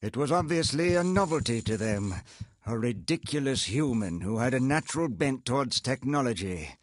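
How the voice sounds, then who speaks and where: A man playing a wealthy self-made inventor in a video game, telling his story in a measured, earnest, formal way, proud and regretful. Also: mid-range voice, lively intonation, no echo, studio quality, close to an everyday voice. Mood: wistful, regretful. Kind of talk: reading video game dialogue aloud. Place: indoor home streaming setup, close and dry.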